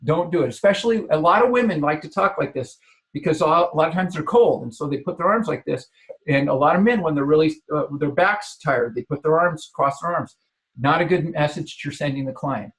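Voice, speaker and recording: A male business coach gives a lesson, his voice sitting a little high for a man. He talks with emphasis, restarting words and checking in with his listeners. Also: lively intonation, brisk. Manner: emphatic, repeats key phrases; frequent verbal restarts and filler checks like "okay". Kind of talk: coaching lecture on body language.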